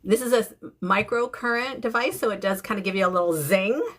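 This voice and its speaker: A woman's voice: mid-range voice, brisk, a bit bright. A woman in her fifties with an American accent, chatting casually and informally to livestream viewers as she hosts. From from the UK, lives in San Francisco. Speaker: livestream host. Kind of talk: casual beauty livestream chit-chat. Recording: clear background noise, room ambience.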